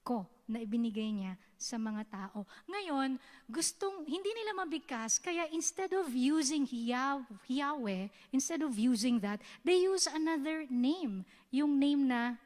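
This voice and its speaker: A Filipino woman with a fairly high voice teaches a youth service at an unhurried pace. She talks to the room conversationally and keeps asking her listeners if they follow. Her voice carries a long reverb from a church hall. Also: expressive, darkish tone. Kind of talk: Taglish sermon teaching.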